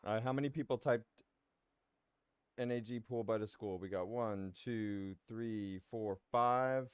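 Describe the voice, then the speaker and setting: A man's voice: lowish voice, measured pace, smooth. A man streaming a shooter game live, chatting casually to his viewers as he plays. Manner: casual, chatty, talking to chat. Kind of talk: live gameplay commentary.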